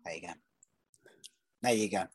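A man's voice: fairly low pitch, normal speed, slightly rough, no room sound, clean studio sound. A man with a northern English accent chatting casually as host of a football podcast, rambling and self-deprecating.

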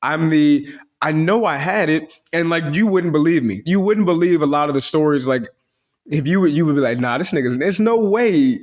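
A man's voice: fairly high pitch, normal speed. A man with a voice that carries, telling stories on a podcast in a loose, rambling way, full of slang and restarts. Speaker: podcast co-host. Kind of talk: casual podcast chat.

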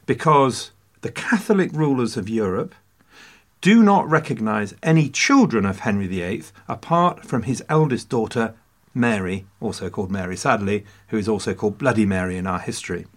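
A man's voice: lowish voice, expressive, normal speed. Playful Englishman telling history. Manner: playful, jokey asides, mock French phrases. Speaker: podcast host. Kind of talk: casual history podcast chat.

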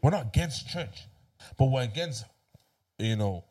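A man's voice: medium pitch, lively intonation, measured pace, a little mellow, breathy edge. A young man in casual discussion, speaking emphatically, repeating himself and often checking that he is followed.

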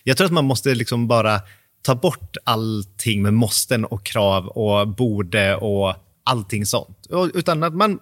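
A man's voice: on the low side, expressive, no room sound, studio quality. A man hosting a podcast at home in casual chat, talking freely and laughing often mid-sentence. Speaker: podcast host.

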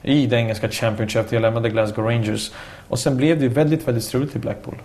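Talkative former footballer, lively storyteller. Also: male voice, mid-range voice. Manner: talkative, animated storytelling with frequent restarts. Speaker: former professional footballer, youth coach. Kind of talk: casual interview conversation.

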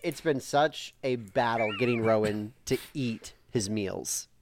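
A man in his thirties, a podcast co-host, chatting casually and telling animated family stories. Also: mid-range voice, a little slow, a little hiss or hum. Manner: animated storyteller, acts out a toddler's shouting. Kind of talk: casual chat.

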